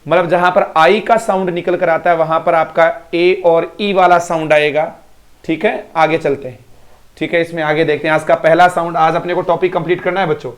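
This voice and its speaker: A man's voice: fairly high pitch, fairly even intonation, brisk. A male teacher in a live online class, repeating words to drill pronunciation and praising students by name. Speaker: English teacher.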